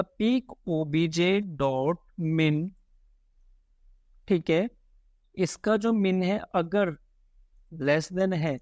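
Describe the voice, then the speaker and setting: A man teaching code in a relaxed, chatty way, thinking aloud as he types and often calling his viewers "guys". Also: high-pitched, no room sound. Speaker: coding tutor. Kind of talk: casual screen-recorded coding lesson.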